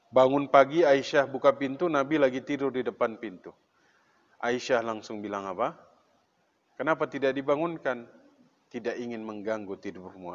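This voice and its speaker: A man preaching a mosque sermon, asking the congregation questions and telling humorous anecdotes. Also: medium pitch. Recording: dull sound with long reverb in a hall.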